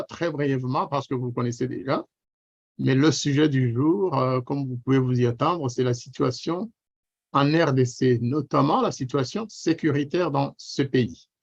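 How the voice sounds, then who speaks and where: A man hosting a radio interview, speaking formally and welcoming his guest, with frequent fillers. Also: fairly high pitch. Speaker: radio host. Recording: dull, lo-fi sound.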